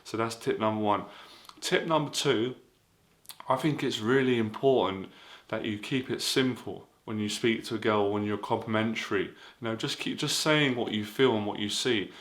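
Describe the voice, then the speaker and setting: A man's voice: fairly low pitch, normal speed, fairly bright tone. A man giving casual dating advice in an earnest, repetitive way, full of fillers. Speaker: dating coach.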